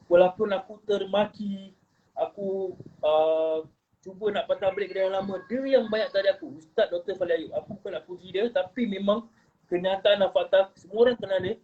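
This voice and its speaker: A man's voice: sits high, fairly even intonation, a little fast, breathy edge. A man telling his life story in an earnest, rambling way, dropping in English phrases. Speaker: guest. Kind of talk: casual personal testimony. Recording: muffled recording with faint noise.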